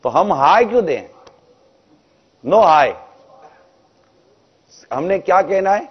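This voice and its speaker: Higher-voiced man preaching in a mosque. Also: expressive, slightly rough. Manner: asks the congregation rhetorical questions. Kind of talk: religious talk in a mosque. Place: mosque hall. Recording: dull, lo-fi recording.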